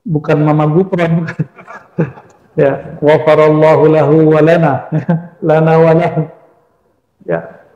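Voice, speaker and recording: A man's voice: a little high, little pitch movement, slow pace, long pauses, warm tone. A male Islamic preacher giving a sermon, asking his audience questions and answering them himself, sometimes chanting verses. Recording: echoey dull-sounding hall.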